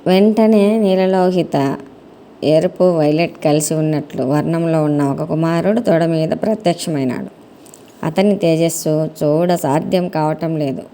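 Woman, devotional storyteller, reverent and gentle, dark warm tone, unhurried. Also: low voice.

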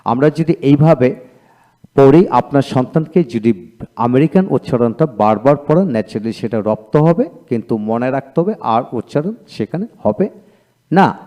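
A man teaching English pronunciation in a recorded lecture, with a dark, mellow voice at an ordinary pitch. He reads word lists with each word said twice. Between the lists he explains the rules slowly and with emphasis. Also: lively intonation. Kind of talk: video lecture.

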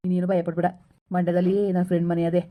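A woman playing a young man who has eloped with his girlfriend and keeps calming her, in a village skit. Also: fairly low pitch, rapid-fire, lightly acted. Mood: soothing. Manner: soothing, urging calm, repeating himself. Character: young man Sharath, eloping lover, soothing. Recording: dull lo-fi recording.

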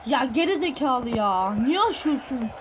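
A woman with a high, bright voice runs live commentary over a football video game. She flares up fast, cursing and shouting at her own team and the referee. A steady hiss of noise sits under the recording. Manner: hot-tempered, swears and yells at the game. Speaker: gaming channel host.

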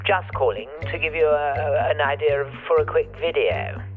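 A man voicing a posh, fussy upper-class gentleman leaving a message over a phone line, in a plummy, affected, sing-song way. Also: on the high side, normal speed, pitched above the performer's own voice. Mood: chatty. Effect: heard over a phone line as an answering-machine message. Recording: tinny phone-line sound with music behind.

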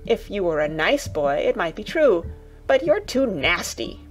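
Stubborn sour-tempered young girl read by a woman, storybook reading, sharp fierce retorts. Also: mid-range voice, very animated, a little slow, faint music behind, poor audio. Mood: scornful.

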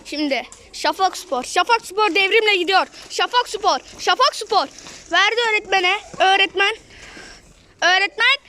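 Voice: unhurried, sharp tone. A young school child commentating on a football match like a screaming sportscaster, repeating names and stretching out the calls. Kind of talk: excited football match commentary, shouted at goals. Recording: noisy amateur pitch-side recording.

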